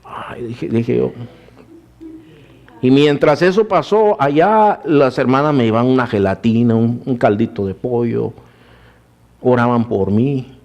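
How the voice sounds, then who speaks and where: A man's voice: medium pitch, measured pace, pauses often. Man preaching a personal-testimony sermon. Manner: personal testimony, addresses listeners as brothers; swings between raised preaching and hushed storytelling. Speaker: pastor.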